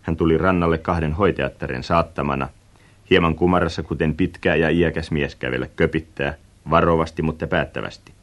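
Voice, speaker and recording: Deep-voiced man narrating a radio reportage. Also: fairly even intonation. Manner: measured, descriptive and reflective.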